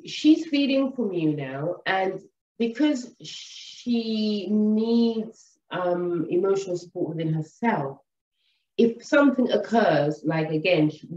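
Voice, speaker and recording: A woman and mother teaching about relationships in an animated storytelling way, acting out what people say. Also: medium pitch, unhurried. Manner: animated, storytelling, acts out quotes. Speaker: wellness teacher. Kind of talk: advice monologue. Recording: echoey room, distant mic, dull sound.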